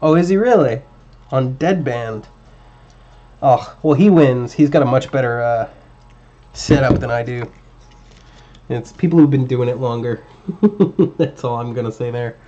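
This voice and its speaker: Male streamer, casual and talkative with a slightly hoarse voice, often drifting off-mic while working, slightly muffled home audio. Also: medium pitch, a little slow, pauses often. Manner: relaxed, chatty, muttering at parts while working. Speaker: livestream host building a drone. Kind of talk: casual livestream chat while building.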